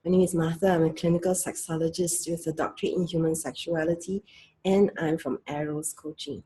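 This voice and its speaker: A woman, a clinical sexologist giving a calm educational talk in short, explanatory phrases. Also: low voice, fairly quick, breathy edge. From Singapore.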